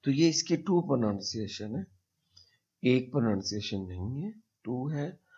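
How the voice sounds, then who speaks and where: A man with a Pakistani accent teaching a pronunciation lesson, speaking slowly and deliberately and repeating example words to demonstrate them. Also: mid-range voice, lively intonation, dark tone, breathy edge. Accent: Pakistani Urdu-speaking. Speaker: English teacher. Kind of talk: explanatory language lesson. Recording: dull lo-fi recording.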